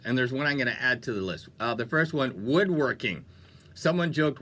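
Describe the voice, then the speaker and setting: In a radio studio, a male DJ with a slightly high, pushed and bright voice hosts a music show. He keeps it upbeat, chatty and playful, tossing in casual jokes.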